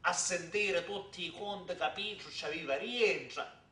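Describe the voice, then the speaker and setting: A man with a southern Italian, Sicilian accent telling a tale theatrically, with dramatic repetitions and pauses. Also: sits high, bright, forceful tone. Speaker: theatre storyteller. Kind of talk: theatrical oral storytelling in Sicilian dialect. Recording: echoey room, distant microphone.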